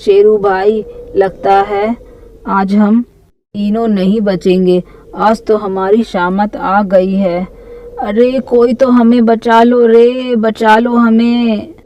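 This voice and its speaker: A woman's voice: medium pitch, flat delivery, takes it slowly, mellow, slight background noise, natural voice. A woman voicing two terrified young male thugs who whimper and despair.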